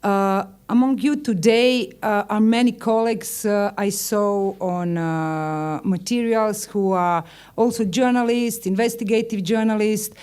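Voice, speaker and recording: Halting female speaker with a Croatian accent. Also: medium pitch, a little mellow, smooth. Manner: halting non-native English with dropped articles. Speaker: conference speaker, journalists' union leader. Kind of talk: formal opening remarks.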